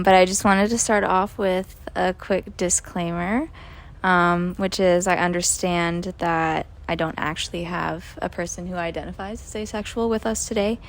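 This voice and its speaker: Young woman, twenties, podcast host, casual, um-filled explaining. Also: on the low side. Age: 20s. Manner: frequent ums, conversational, explaining. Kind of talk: casual college podcast talk.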